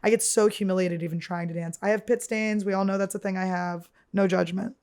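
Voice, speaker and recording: The comedy podcast host, a woman whose deep voice sounds worn and damaged, keeps a steady, brisk, slightly mellow tone in the studio. Her talk is a nonstop ramble of crude, self-mocking tales.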